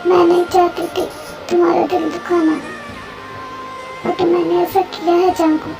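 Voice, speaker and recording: A high young voice portrays a gentle young woman weighed down by guilt. Her lines come soft and apologetic in a high register. Quiet music runs faintly behind her. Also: level tone, measured pace, gravelly, heavily acted, low-quality recording. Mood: remorseful.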